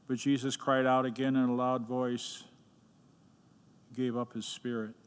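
A man reading the gospel at Mass in a slow, measured, solemn way, his voice carrying a long cathedral echo in a large church. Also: medium pitch, level tone, clean tone. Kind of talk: liturgical scripture reading.

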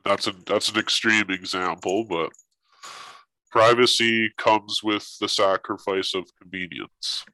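A man speaking through a voice changer that hides his real voice, leaving it low and monotone. He chats casually and bluntly as a guest investigator, swearing without fuss, in a dry, close recording. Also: a little slow, dry recording, low-quality recording. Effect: voice changer disguising his voice. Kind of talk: casual interview chat.

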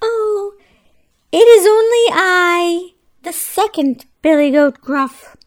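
The middle billy goat of a storybook, bolder than his little brother but still pleading, as a woman reader puts him on. His voice sits higher than a plain speaking voice and is raised, not small. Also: animated, slow, full character voice.

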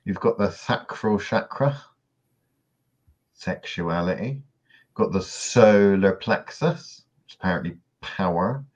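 A man co-hosting a podcast in casual discussion, dry and sardonic, often trailing off quietly at the ends of sentences. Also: sits low, lively intonation, takes it slowly, muffled recording. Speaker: podcast co-host.

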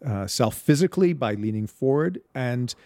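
A man's voice: mid-range voice, lively intonation, normal speed, warm tone, no room sound. A man from Barbados, a guest talking about his Bible storytelling in a reflective interview, with many restarts and fillers.

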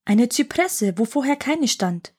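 An earnest, trusting young prince who asks questions in wonder, as a woman reading a fairy tale voices him. His tone is gentle, with a breathy, husky softness. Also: mid-range voice, normal speed, close to an everyday voice.

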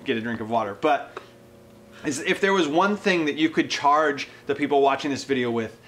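A man's voice: medium pitch, moderate pace, a bit bright. A man hosting a casual interview in someone's home, enthusiastic and effusive, laughing often. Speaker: host of a mission organization video. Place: guests' home.

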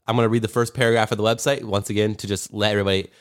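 A man's voice: on the low side, level tone, very fast. A man hosting a podcast in casual comedic banter, rambling along in a joking, mock-serious way. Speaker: podcast host.

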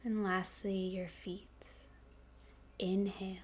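A woman leading a guided meditation in a soft, breathy, calming near-whisper. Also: medium pitch, slow pace, a little hiss or hum. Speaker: meditation instructor.

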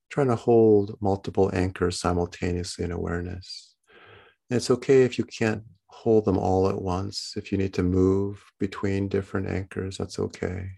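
A man guiding a body-scan meditation as a teacher, in a calm, meditative tone with gentle instructions in short phrases. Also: low voice, gravelly.

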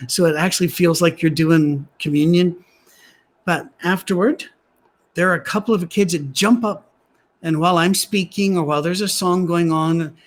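At a church service held on a soundstage, a man preaches in a gentle, soft, fairly high voice. His sermon feels like a conversation, punctuated by wry, dry jokes.

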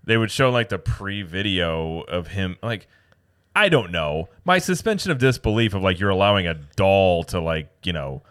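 Man, podcast co-host, low pitch, lively intonation, dry sound, casual rambling. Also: moderate pace, smooth, dry recording. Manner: rambling storyteller, acts out quotes. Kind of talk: casual chat.

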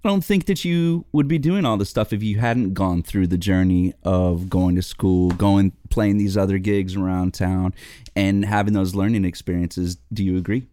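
A man's voice: deep voice, normal speed, warm tone, dry recording. A man interviewing a guest in a casual chat, encouraging and complimentary.

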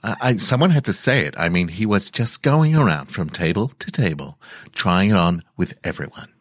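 A man improvising a blunt young woman who rambles indignantly and climbs high in pitch when she gets upset. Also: sing-song, moderate pace, no room sound, clean studio sound. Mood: brash. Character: blunt young woman, brash then tearful.

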